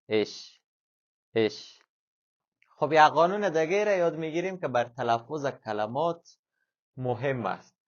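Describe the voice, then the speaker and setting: A man teaching a language lesson, patiently repeating example words slowly several times. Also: medium pitch. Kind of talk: classroom-style language lesson. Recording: slightly dull lo-fi sound.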